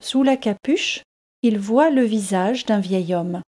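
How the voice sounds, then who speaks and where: Slow, calm woman narrating a story. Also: mid-range voice. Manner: calm, evenly paced reading. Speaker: story narrator for French learners.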